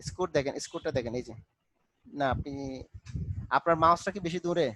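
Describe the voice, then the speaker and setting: A man's voice: on the high side, quick pace, bright, forceful tone, no room sound, poor audio. Tutor man, patient and dry close sound. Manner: patient, repeats instructions, mixes English terms into speech. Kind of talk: live online class, guiding students step by step.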